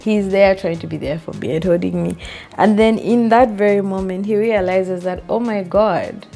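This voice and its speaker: A woman's voice: medium pitch, moderate pace, gravelly, dark tone, soft background music. A woman vlogger telling a story in a chatty, casual way while doing her hair, laughing often and saying "like" a lot.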